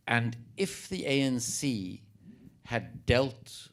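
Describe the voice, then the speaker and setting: Low-voiced South African man on a panel. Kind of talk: panel discussion answer.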